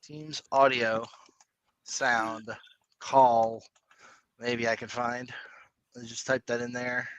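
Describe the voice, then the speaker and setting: A man's voice: mid-range voice, little pitch movement, takes it slowly, long pauses, a bit bright, muffled recording. A man co-hosting a podcast in casual, rambling chat, laid-back and swearing now and then. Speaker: podcast co-host.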